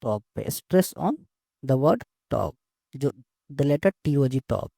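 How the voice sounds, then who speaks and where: A male teacher explains slowly and steadily, often going back over the same words. His voice sits a little high for a man yet sounds dark and gravelly. It is recorded close up and dry. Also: lively intonation, no echo. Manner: slow, repeats words and phrases while explaining. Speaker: English teacher. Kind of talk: bilingual lesson explanation.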